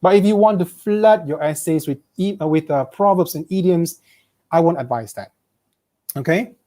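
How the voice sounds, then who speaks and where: A man's voice: a little high, normal speed, dark tone. A man with a Malaysian accent teaching an online exam-prep English lesson, reading students' questions aloud and checking in with frequent "okay?".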